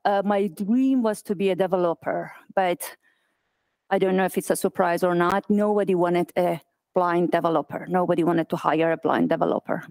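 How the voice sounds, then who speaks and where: Iranian-born woman in her 30s giving a talk, smooth clear voice, lots of uhs and restarts, dry sound. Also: fairly low pitch, steady tone, a little mellow, no echo. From Iran. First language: Persian. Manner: halting, many fillers and restarts. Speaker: accessibility specialist speaker. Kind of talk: conference talk. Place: office event space.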